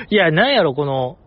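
A man's voice: on the high side, muffled recording. A man with a Kansai accent hosting a podcast, chatting casually and joking as he reads listener mail. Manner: joking, self-deprecating banter with quick laughs. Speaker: podcast host.

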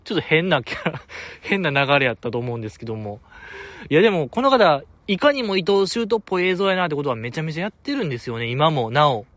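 Fast and animated, this man's slightly high, somewhat bright voice comes through with no echo. He hosts a solo radio talk show in a Kansai Japanese accent, reading out listener messages casually, chattily, and with self-deprecating humor.

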